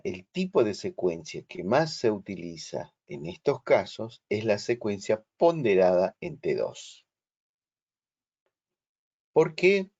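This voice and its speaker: A man with a Rioplatense Spanish accent lectures slowly, pausing to check that his students are following. His voice sits on the low side. The sound is muffled, like a video call. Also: a little mellow. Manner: slow, explanatory, checks understanding. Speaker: instructor. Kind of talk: online lecture.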